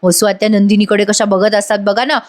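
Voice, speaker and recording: A woman's voice: medium pitch, flat delivery, brisk. A woman giving a dramatic voice-over recap of a TV serial, exclaiming often and speaking straight to her viewers. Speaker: TV serial reviewer.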